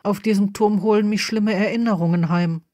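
A woman's voice: medium pitch, fairly even intonation, a little fast, warm tone, dry recording, studio quality, lightly acted. A woman voicing an earnest young male wizard who speaks carefully and honestly.

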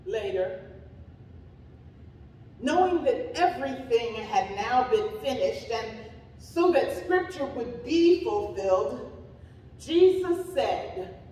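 A woman pastor reads scripture aloud in a slow, deliberate and dramatic way, her voice set a little high. She is heard from far off in a church, and the sound rings with a long, roomy echo. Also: animated, a little hiss or hum. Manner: slow, deliberate reading with shouted cries for emphasis. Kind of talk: dramatic scripture reading in a sermon. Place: church sanctuary. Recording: echoey church hall from far off.

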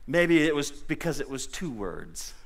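A middle-aged man preaching a sermon from a church pulpit into a handheld mic, animated and calling out to the congregation with sudden loud bursts. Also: a little high, a little slow, gravelly. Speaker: pastor. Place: church sanctuary.

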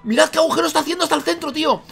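A man from Spain with a Spanish accent and a sore throat, giving excitable Minecraft let's play commentary, often exclaiming and repeating himself. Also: very high-pitched, racing, vocal fry, soft background music. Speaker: gaming youtuber.

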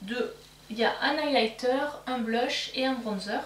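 A woman's voice: fairly high pitch, a little slow, a little hiss or hum. A woman chatting casually through a makeup haul, self-mocking and full of fillers, recorded in a roomy space a little away from the mic. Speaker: beauty vlogger. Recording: roomy, somewhat distant mic.

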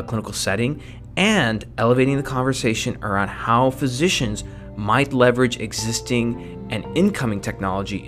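Man, scripted podcast intro, mid-pitched, faint music. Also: fairly bright tone. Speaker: podcast narrator.

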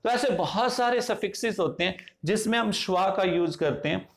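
A man with an Indian accent teaching English phonetics. He goes slowly and deliberately, asking questions and answering them himself. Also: high voice, vocal fry. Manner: slow, deliberate, asks and answers his own questions. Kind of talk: classroom-style lesson explanation.

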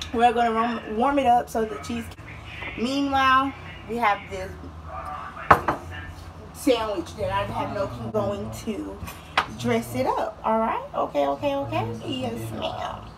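Young female home-cook vlogger, chatty step-by-step delivery, slightly high voice, phone mic with background hiss. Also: slow, long pauses. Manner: chatty, step-by-step, repeats "we're gonna". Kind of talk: casual cooking demonstration. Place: small home kitchen.

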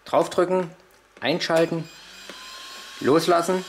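A man's voice: a little high, fairly even intonation, takes it slowly, a little hiss or hum, rough recording. A man giving a hands-on tutorial on a model truck, explaining each step while he handles the parts, with frequent hesitations. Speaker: RC model reviewer.

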